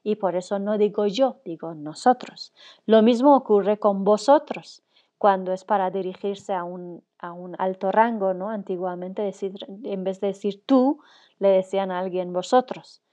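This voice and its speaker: Woman lecturer with a mellow voice. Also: medium pitch, normal speed. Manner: explains step by step, often checks with "¿no?"; frequent filler "eh" and "em". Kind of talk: university lecture.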